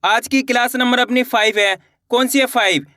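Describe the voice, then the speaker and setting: High-voiced man teaching step by step. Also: normal speed, bright, forceful tone, no room sound, studio quality. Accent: Hindi-speaking India. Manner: repeats words, asks and answers own questions. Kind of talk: step-by-step lesson.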